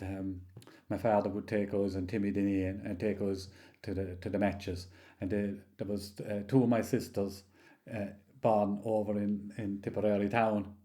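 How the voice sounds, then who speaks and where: A man in his sixties with a rural County Limerick Irish accent, telling anecdotes in a halting, rambling, casual way. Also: on the low side, warm tone. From County Limerick, Ireland. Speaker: interview guest, local storyteller. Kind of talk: oral history reminiscence, casual storytelling.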